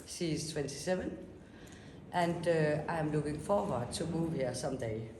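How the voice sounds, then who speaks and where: A woman's voice: low-pitched, normal speed. Hesitant woman. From Denmark. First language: Danish. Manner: hesitant, many fillers. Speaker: guest. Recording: echoey room with background noise.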